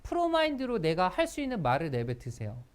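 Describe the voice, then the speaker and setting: A lively instructor leads a workplace etiquette lesson for students, with pitch that swings widely from line to line. The delivery keeps breaking into little acted-out example phrases before returning to explanation. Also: quick pace. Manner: lively, acts out example lines in quotes. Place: school training session.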